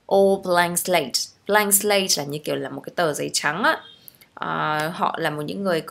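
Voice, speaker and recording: A young woman teacher with a Vietnamese accent walks through English phrases one at a time. Her voice sits a little low for a woman, and she keeps checking in with her students as she explains each one. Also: creaky, a bit bright. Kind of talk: language lesson explaining phrases.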